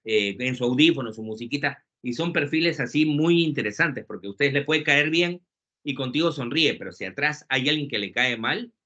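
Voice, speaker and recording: A man giving a webinar talk on leadership, lively and joking, acting out quotes along the way. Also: mid-range voice, moderate pace. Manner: lively, jokey lecturing with acted quotes. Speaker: webinar speaker. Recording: muffled lo-fi webinar audio.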